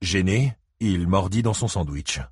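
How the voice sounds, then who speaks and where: A man narrating an audiobook with steady, scripted storytelling. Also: sits low, a little slow, slightly rough, dry recording, clean studio sound.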